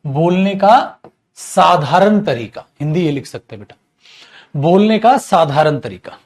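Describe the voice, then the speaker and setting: Lively husky male teacher. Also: fairly high pitch. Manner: lively, addresses students as beta, repeats phrases slowly. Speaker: English teacher. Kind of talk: classroom grammar lesson.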